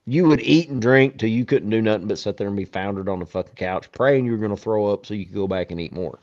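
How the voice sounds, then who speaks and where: A man's voice: fairly low pitch, quick pace. A man, co-hosting a podcast and telling long, profane stories in casual chat. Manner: profane, animated storyteller. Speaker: podcast co-host. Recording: dull lo-fi sound.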